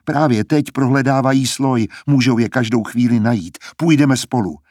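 A man's voice: medium pitch, a little mellow, no echo, clean studio sound, pitched above the performer's own voice, close to an everyday voice. A man reading aloud, voicing a guarded young man who speaks in a tense, clipped way. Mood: determined.

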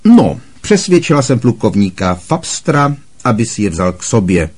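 Casting: a man doing a blustering harsh aunt, high and loud, lively, husky edge, storybook reading. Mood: scornful. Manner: booming, barking and harshly scolding. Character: bossy loud middle-aged aunt who scorns the boy.

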